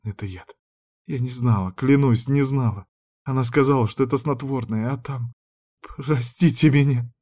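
A man's voice: mid-range voice, moderate pace, mellow, voice pushed up, natural voice. A man voicing a frightened young heroine in an audiobook, pleading frantically through sobs. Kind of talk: audiobook reading.

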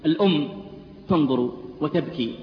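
A man's voice: on the high side, moderate pace. A man preaching a sermon, telling stories with fervent, tearful-sounding intensity. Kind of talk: impassioned sermon storytelling. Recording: echoey hall, dull lo-fi sound, faint hiss.

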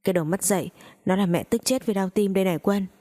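A woman's voice: mid-range voice, fast, warm tone, close to an everyday voice. A woman voicing a scornful, scolding rich old mother-in-law in a storybook reading. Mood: indignant. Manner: sneering, scolding.

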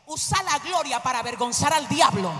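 A woman pastor preaching a Pentecostal sermon in a large church, impassioned and often shouting to the congregation. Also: high-pitched, lively intonation, brisk, a little hiss or hum. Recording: echoey church hall with long reverb.

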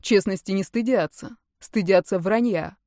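A woman voicing a calm, steady young man. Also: medium pitch, moderate pace, no echo, clean studio sound, natural voice. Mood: reassuring.

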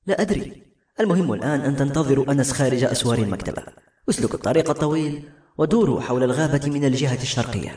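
A man's voice: mid-range voice, rapid-fire, warm tone, natural voice. A man reading the part of an anxious, wise queen in an audiobook story, speaking earnestly. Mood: urgent. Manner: worried, earnest. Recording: roomy echo, faint music.

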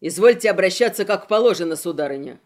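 A woman's voice: fairly low pitch, animated, moderate pace, voice pushed down, lightly acted. Panicky pompous young mage, voiced by a woman. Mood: frantic, indignant. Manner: shouting, frantic.

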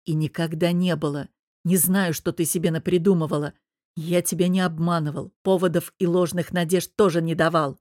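Female reader playing a stern young man, cold, curt, growling, lowish voice. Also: steady tone, normal speed, darkish tone, no echo, studio quality, lightly acted. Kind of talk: audiobook character reading.

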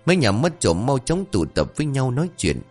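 A man's voice: medium pitch, brisk. A man narrating a comic folk tale and voicing its characters. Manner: lively, voices all characters. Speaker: storyteller. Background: faint music.

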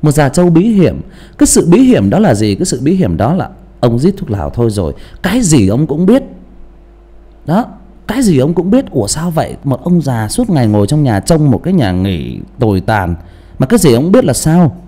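A male audiobook narrator with a slightly high voice talks a little fast and casually about character voices. He's animated, repeating and restarting phrases often, and keeps throwing rhetorical questions at the listener.

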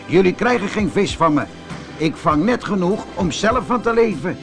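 A man voicing a gruff, stingy middle-aged fisherman in a storybook, raising his voice well above his own. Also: high voice, animated, moderate pace, over music, pitched above the performer's own voice. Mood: gruff shouting. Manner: shouting raised voice.

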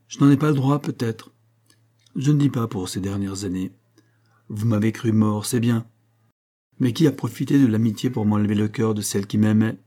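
A man's voice: fairly low pitch, dark tone, natural voice. Man doing a coldly taunting vengeful husband. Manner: taunting, ironic. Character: cold scheming vengeful husband, adult man.

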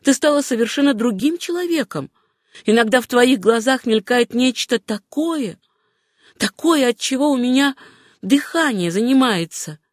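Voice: medium pitch, lively intonation, normal speed, dry recording, studio quality, voice pushed up, close to an everyday voice. Чтец изображает робкую бедную девушку. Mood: anxious. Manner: pleading, anxious. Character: timid young poor working girl. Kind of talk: audiobook character voice.

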